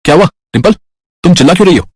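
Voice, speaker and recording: A woman voicing a shy, uneasy young husband in a storybook tale, speaking in a lowered, husky voice. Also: sing-song, brisk, no room sound, heavily acted. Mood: worried. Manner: hesitant, then stern. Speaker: narrator voicing a character. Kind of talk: storybook narration.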